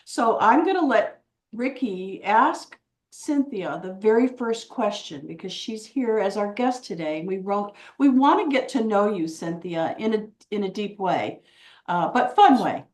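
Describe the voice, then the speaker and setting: A woman co-hosting a podcast in a casual chat, playful and quick to laugh. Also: medium pitch, lively intonation, darkish tone, echoey room. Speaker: podcast co-host.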